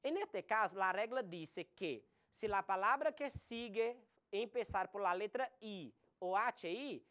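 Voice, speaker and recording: A woman teaches Spanish grammar in a recorded online class. She talks slowly and deliberately, spelling out letters and examples one at a time. Her pitch swings widely as she stresses each point. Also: animated, fairly bright tone.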